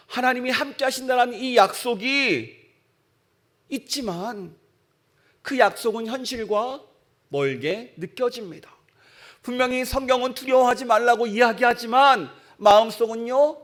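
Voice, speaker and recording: Man, pastor, high-pitched voice, impassioned evening sermon, loud appeals and soft lines, reads scripture aloud. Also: unhurried.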